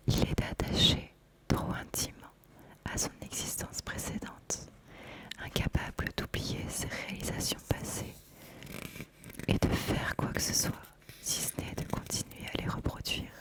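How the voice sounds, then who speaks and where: Presenting an oracle card deck, this ASMR host speaks in a soft whisper, her words measured and deliberately phrased.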